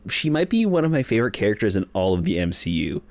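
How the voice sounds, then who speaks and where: A man's voice: fairly low pitch, very animated, quick pace, darkish tone, dry recording. A man co-hosting a podcast, talking enthusiastically in casual chat, with lots of "like" fillers and restarts. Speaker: podcast co-host. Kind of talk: casual show recap chat.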